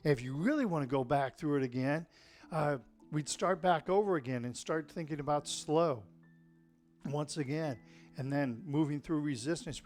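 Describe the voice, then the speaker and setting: A man teaching tai chi in an informal, explanatory and encouraging way, often checking in with his listeners. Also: fairly high pitch. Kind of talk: informal spoken class instruction.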